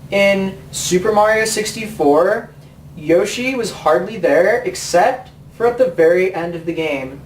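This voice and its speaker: Casual note: cussing man ranting about games, rambly, distant mic in a roomy space, faint background hum. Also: high voice. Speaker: video game commentator. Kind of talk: comedic game rant.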